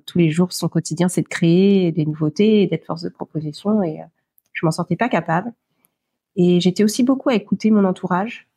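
A woman, speaking in a fairly low voice as a podcast guest. She pauses often and hunts for words, filling gaps as she goes. The recording is close and dry, with no room sound. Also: dark tone, breathy edge, no echo. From Paris, France. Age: 40s. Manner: hesitant, many pauses and fillers. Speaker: interview guest. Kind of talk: podcast interview.

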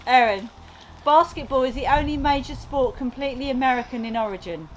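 A woman's voice: high voice, brisk, slight background noise, low-quality recording. A woman casually reading out true-or-false quiz questions and giving the answers, as the quizmaster.

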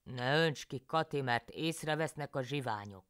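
A woman voicing a grumbling peasant husband in a folk tale, with loud, scolding exclamations. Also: rumbling low, no room sound, studio quality, pitched above the performer's own voice. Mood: exasperated.

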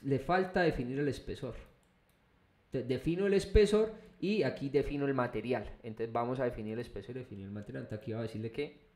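Man, engineering tutorial voice-over, conversational, mid pitch, frequent restarts. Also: a little mellow. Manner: conversational, repeats "¿listo?" and restarts often. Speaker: engineering instructor. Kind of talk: screen-recorded software tutorial.

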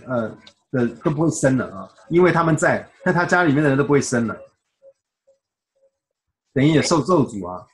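A man's voice: medium pitch, a bit bright. Chatty male Bible study teacher. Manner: chatty, explains with everyday examples, acts out quoted dialogue.

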